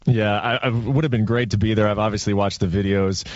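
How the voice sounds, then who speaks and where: A man's voice: fairly low pitch, steady tone, fairly quick, dry recording. A man hosting a radio interview, asking questions casually and repeating words as he goes. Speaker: host. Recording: dull dry lo-fi audio.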